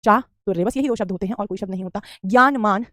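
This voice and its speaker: Female tutor: quick, drilling delivery, keeps repeating answers, very dry recording. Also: mid-range voice, fairly bright tone, no echo. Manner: answers student questions, says "beta" often; repeats correct spellings for drill. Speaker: Hindi teacher. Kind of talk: online exam-prep class.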